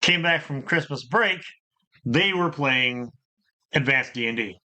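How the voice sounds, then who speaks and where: Bright-voiced middle-aged man telling stories. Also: mid-range voice, unhurried. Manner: rambling, repeats words, animated storytelling. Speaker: channel host. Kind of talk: casual group chat about gaming.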